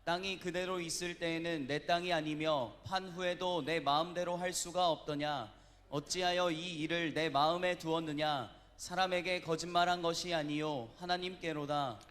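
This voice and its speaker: A congregation reading a scripture passage aloud together, in a steady recited rhythm. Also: medium pitch, normal speed. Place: church sanctuary. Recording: reverberant church hall.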